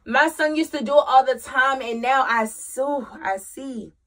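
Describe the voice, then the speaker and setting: Forceful, emphatic woman giving a pep talk. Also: high voice, unhurried. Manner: emphatic, repeats phrases, swings from loud urging to quiet confession. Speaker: host; single mother. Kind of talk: motivational talk to camera.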